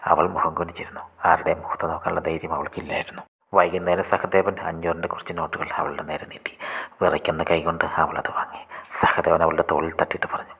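A man telling a short story in a hushed, half-whispered storytelling style. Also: rumbling low, gravelly, husky.

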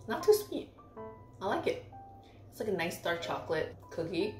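A woman's voice: medium pitch, very animated, moderate pace, soft background music. A woman vlogger giving a chatty, upbeat snack tasting review while chewing.

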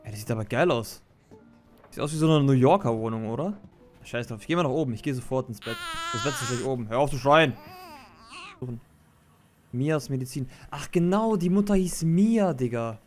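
A man's voice: medium pitch, expressive, a little fast. A young man commenting on a horror game as a streamer, slangy and jumpy, yelping when startled. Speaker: let's play streamer. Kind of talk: casual gameplay commentary. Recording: game audio with music.

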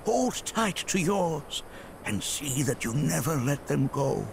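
An actor voicing a wise old man who gives slow, gentle sage advice. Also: a little high, big pitch swings, gravelly, noisy background, full character voice.

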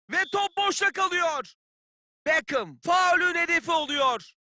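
An actor playing a keen football play-by-play announcer in a video game, calling the match in clipped phrases. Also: male voice, extremely high pitch, pushed and bright, dry recording, studio quality, exaggerated voice.

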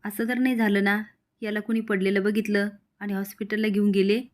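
A woman's voice: medium pitch, flat delivery, brisk, close to an everyday voice. A woman voicing a panicked middle-aged village man who mutters nervously to himself, in a retold TV serial.

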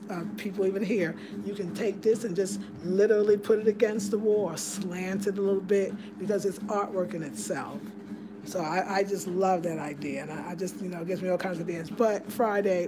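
A woman giving a chatty, excitable home tour to her viewers, filmed on a handheld phone in a small room. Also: mid-range voice, background noise. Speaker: home decor vlogger. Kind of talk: casual home tour vlog. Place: small room of a house indoors. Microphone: handheld phone camera.

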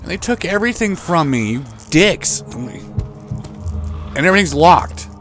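A young man doing horror game commentary, cursing constantly and jumping between low grumbling and panicked yelps. His voice swoops widely in pitch, and he talks slowly and draws out his words. Faint music plays behind him. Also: big pitch swings. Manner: profane, panicky, swearing and shouting at monsters. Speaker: game streamer.

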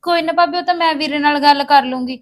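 An actress playing a young sister-in-law who pleads and defends herself. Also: female voice, high-pitched, fast talker, close to an everyday voice. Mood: pleading.

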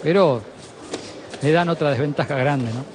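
Clear venue noise sits behind this man's fairly high voice. He commentates on boxing live, analysing the fight in a conversational way. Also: normal speed.

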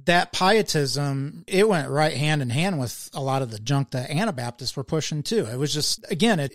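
A man's voice: fairly high pitch, dry recording, clean studio sound. A man hosting a podcast in casual chat, talking earnestly and with emphasis, laughing between points. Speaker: podcast host.

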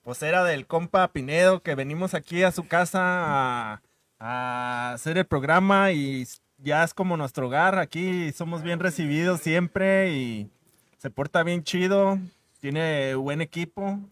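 A man with a Mexican accent hosts a casual chat at a studio microphone. He cracks slangy jokes and needles his guests. His voice sits a little high, and the sound is dry. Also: a little slow, a bit bright, no echo. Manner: joking, slangy banter. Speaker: podcast host. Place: indoor studio set.

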